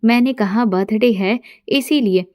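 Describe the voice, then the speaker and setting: Speaking a little high and a little slow, a middle-aged woman narrates a first-person story in a soft, intimate way and quotes dialogue plainly. There is no room sound.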